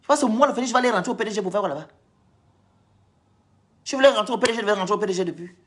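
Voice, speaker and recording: A woman's voice: mid-range voice, very fast, slight background noise. A woman from Gabon, scolding and lecturing her viewers in a heated, repetitive live-stream rant.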